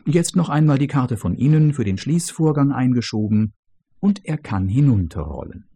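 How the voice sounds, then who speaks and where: A man reading a story aloud in an expressive, dramatic narrating style. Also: medium pitch, normal speed, slightly rough.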